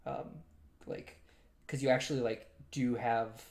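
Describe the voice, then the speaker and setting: Young male co-host, gravelly fry, relaxed halting chat. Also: mid-range voice. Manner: easygoing, halting, laughs often. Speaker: podcast co-host. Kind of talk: casual chat.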